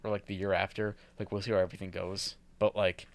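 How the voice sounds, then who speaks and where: A man's voice: low voice, flat delivery, quick pace, a crowd in the background. A young man co-hosting a podcast, chatting casually, rambling, swearing and laughing often. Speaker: podcast co-host. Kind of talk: casual chat.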